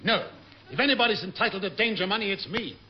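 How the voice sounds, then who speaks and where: A man's voice: sits high, quick pace, close to an everyday voice. Man acting a fussy, blustering backseat-driver naval captain. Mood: exasperated. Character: flustered, exasperated senior naval captain with pompous authority. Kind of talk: radio sitcom acting. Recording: dull, hissy old radio recording.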